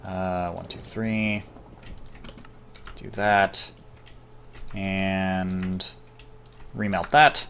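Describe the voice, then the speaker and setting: A casual gamer narrating his own gameplay, chatty and self-deprecating, with excited outbursts. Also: low voice, drawn-out words, pauses often, slight background noise. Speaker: gameplay commentator. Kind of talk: casual let's-play commentary.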